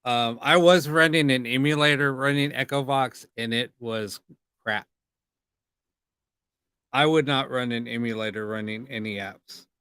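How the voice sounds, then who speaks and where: A man hosting a casual live ghost hunting session, talking informally and haltingly and putting questions to spirits. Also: mid-range voice, bright, forceful tone, clear, resonant tone, no echo.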